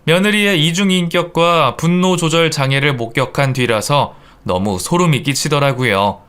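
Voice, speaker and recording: A man's voice: on the high side, moderate pace, a bit bright, clear, resonant tone. A man narrating a radio drama in a confiding storytelling tone.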